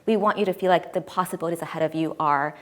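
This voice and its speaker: A woman's voice: low voice, fast. A woman in her twenties, an American-born interview guest, speaking in an articulate and enthusiastic way. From United States. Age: 20s. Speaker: interview guest, editor-in-chief. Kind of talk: conversational interview.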